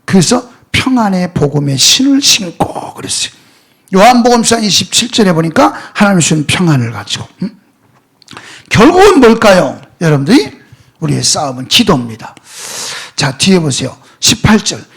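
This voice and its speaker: Husky high-voiced preaching pastor. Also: male voice, sing-song, normal speed. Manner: emphatic preaching with rhetorical questions and sudden drops to near-whispers. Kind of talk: sermon. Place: church sanctuary.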